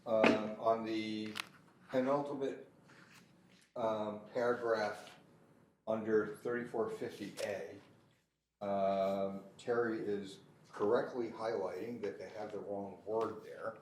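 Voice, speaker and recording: Slow, far-off man chairing a meeting. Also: lowish voice, steady tone. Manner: slow, hesitant, many ums. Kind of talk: board policy meeting. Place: school office meeting room. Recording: roomy, distant, noisy meeting room mic.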